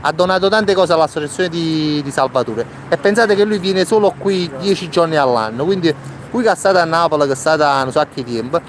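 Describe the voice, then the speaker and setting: A man's voice: on the high side, expressive, a little fast. A man in his thirties with a Neapolitan accent chatting casually on a live street video, reassuring and repeating short phrases. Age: 30s. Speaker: charity volunteer hosting a live street video. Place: outdoor city street. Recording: noisy outdoor city street with traffic.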